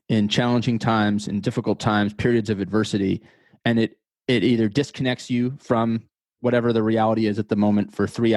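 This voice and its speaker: A man's voice: on the low side, darkish tone, dry recording. A man in his thirties from the United States, a podcast guest talking in a casual interview, thoughtful and often repeating words as he thinks. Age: 30s.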